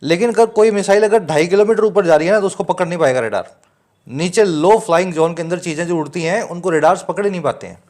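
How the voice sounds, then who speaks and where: A man's voice: high-pitched, darkish tone. Man tutoring English in Hinglish. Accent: Indian. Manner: explains terms step by step, checks understanding with "ठीक है?"; reads quoted English slowly. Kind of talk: Hinglish newspaper lesson.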